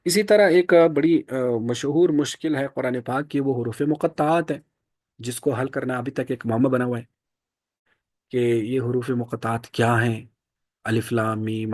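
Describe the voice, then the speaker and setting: A man giving a classroom lecture in an explanatory way, often pausing and restarting his sentences. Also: medium pitch, a little mellow, no echo, studio quality. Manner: explanatory, frequent fillers and restarts. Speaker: teacher.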